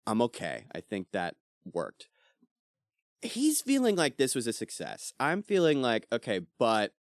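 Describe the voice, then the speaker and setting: Animated man chatting about a book. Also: mid-range voice, smooth, no room sound, studio quality. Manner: animated, acts out quotes from the book. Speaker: podcast co-host. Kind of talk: casual book club chat.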